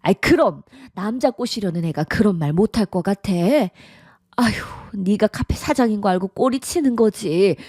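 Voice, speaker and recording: A woman's voice: mid-range voice, lively intonation, normal speed, slightly rough, dry recording, clean studio sound. A synthetic voice of a middle-aged woman playing a domineering, contemptuous widowed mother who nags and scolds in a radio drama. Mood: scornful. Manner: nagging, sighing, sharp scolding. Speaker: disapproving mother-in-law.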